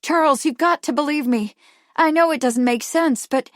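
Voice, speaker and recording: Anxious determined young Victorian lady, read by a woman, earnest and urgent, a bit higher, dry audiobook sound. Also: moderate pace, a little mellow, no echo, lightly acted.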